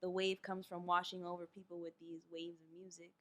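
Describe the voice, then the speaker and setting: A young woman from Queens, New York, talking as a podcast guest. Her voice sits low and stays level, with little rise and fall. She tells her story in a relaxed, easygoing way with plenty of "um"s. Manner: relaxed, unhurried storytelling with fillers. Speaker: guest artist. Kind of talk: casual podcast interview.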